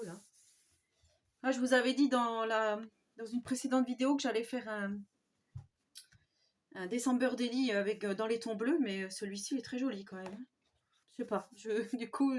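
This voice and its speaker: A woman vlogger doing a casual show-and-tell of scrapbooking papers, speaking softly and admiringly with frequent hesitations. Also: on the high side. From France. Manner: soft-spoken, admiring, with frequent fillers.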